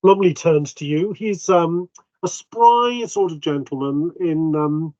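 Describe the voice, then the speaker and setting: A man's voice: a little high, animated, takes it slowly, mellow, no echo. A man narrating as game master, chatty and full of hesitations. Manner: chatty, hesitant with ums, plays the vicar in quotes. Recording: dull, dry home mic.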